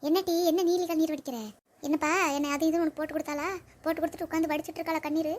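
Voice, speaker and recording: A woman playing a sharp-tongued, nagging mother-in-law in a comedy sketch, scolding her son's wife. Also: sits high, level tone, very fast, a little hiss or hum, natural voice.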